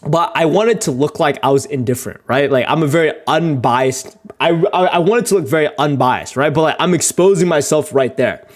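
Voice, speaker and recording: A young man streams himself editing video and chats casually, talking a little fast with hardly any pauses. He rambles, jokes at his own expense, swears now and then, and laughs often, his voice rising louder and higher when he tells stories.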